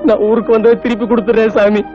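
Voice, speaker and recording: A man's voice: high-pitched, level tone, quick pace, natural voice. An actor playing a poor, humble male pilgrim on his first trip, pleading and tearful. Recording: dull old film soundtrack. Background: film music.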